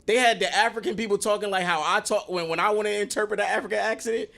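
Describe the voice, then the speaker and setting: A man's voice: high-pitched, fairly even intonation, quick pace, creaky, bright, forceful tone. A man co-hosting a podcast in casual chat, laughing often and giving blunt opinions. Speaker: podcast co-host.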